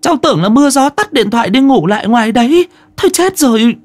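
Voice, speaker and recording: A man's voice: extremely high pitch, sing-song, fast talker, voice pushed up, heavily acted. A man voicing a panicked young village wife, wailing and frantic.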